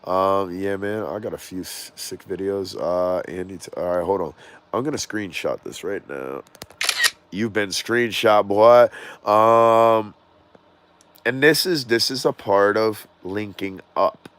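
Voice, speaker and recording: A man hosting a casual drone livestream, slightly raspy and congested from the cold, talking loosely and animatedly to his viewers outdoors. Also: on the low side, measured pace. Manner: loose, rambling, animated, jokes and reads chat aloud.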